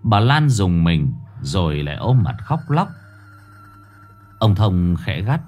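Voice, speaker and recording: Expressive male ghost story narrator. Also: low voice, slow. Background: soft background music.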